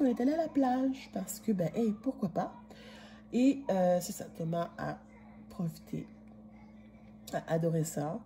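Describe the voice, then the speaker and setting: A woman's voice: on the low side, warm tone, a little hiss or hum. A woman vlogger with a Quebec French accent, short of breath and coughing, chatting casually and rambling to a phone camera propped in a chalet kitchen. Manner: rambling, chatty, many fillers. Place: kitchen of a rented chalet, indoors. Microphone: phone camera propped in a cupboard.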